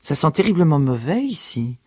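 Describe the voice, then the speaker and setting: Man doing a nagging fussy mother, shrill raised falsetto, husky edge. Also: very animated, moderate pace, mellow, dry recording, clean studio sound. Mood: scolding.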